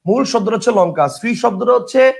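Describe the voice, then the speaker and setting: Speaking in a very high, lively voice with some vocal fry, a fast-talking man with a colloquial Bangladeshi Bengali accent teaches an online grammar class for exam prep. He's chatty and drills rules over and over, checking that students understand and reading their questions aloud from the chat.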